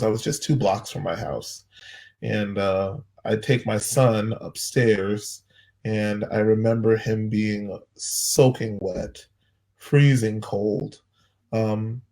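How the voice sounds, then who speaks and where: Earnest man, 30s, pastor; low-pitched, halting storyteller. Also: vocal fry, dark tone. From United States. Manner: earnest, halting, with many restarts. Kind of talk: personal storytelling in conversation.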